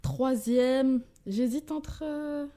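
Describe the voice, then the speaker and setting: A young woman joins a podcast as a guest, talking casually. She reacts in a playful, excitable way, and her voice sits somewhat high for a woman. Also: extremely slow. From Morocco. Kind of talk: casual chat.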